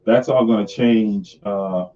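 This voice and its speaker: A man's voice: lowish voice, takes it slowly, dark tone. A man hosting a casual live stream from his home sunroom office. He talks loosely and restarts his sentences, and his voice is picked up by the camera on his screen, so it sounds hollow, like a cave. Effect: hollow, cave-like echo. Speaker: host of a live money stream. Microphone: camera on top of the computer screen. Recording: distant, dull webcam-mic sound in a hollow room.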